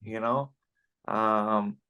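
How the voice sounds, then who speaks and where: A Greek fighter in his twenties is a laid-back interview guest, frequently saying "you know" during the casual chat. His lowish voice is steady, clear, and resonant, sounding pushed and bright, and he speaks extremely slowly.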